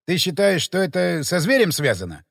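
A man's voice: high voice, sing-song, moderate pace, gravelly, fairly bright tone, dry recording, studio quality, exaggerated voice. A male narrator voicing a gloomy male house owner in an audiobook, sullen in manner.

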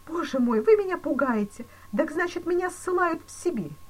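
A woman voicing a terrified male banker who pleads in shrill, panicky exclamations in a storybook reading. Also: lively intonation, moderate pace, rough recording. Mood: panicked.

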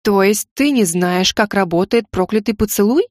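A woman's voice: mid-range voice, normal speed, darkish tone, dry recording, clean studio sound, lightly acted. A woman voicing a grumpy stern mage. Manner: curt and grumbling. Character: stern young male mage, irritable, dry.

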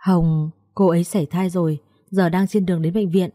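Polite young man, voiced by a woman, respectful, warm tone, dry sound, audio storybook. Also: lowish voice, steady tone, normal speed, no echo, lightly acted. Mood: grave. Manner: courteous and respectful.

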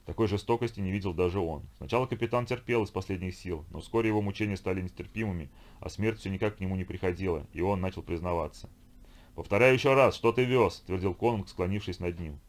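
Guy narrating an audiobook, low voice, reads fast. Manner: brisk, even storytelling. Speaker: audiobook reader. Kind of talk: scripted narration.

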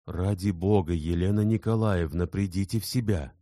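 A man voicing an anxious, gentle young man who urgently reassures a distraught woman. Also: sits low, moderate pace, no room sound, studio quality, lightly acted.

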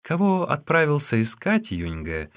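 A man's voice: on the high side, unhurried. A man narrating a classic tale as an audiobook, telling it expressively. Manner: expressive storytelling.

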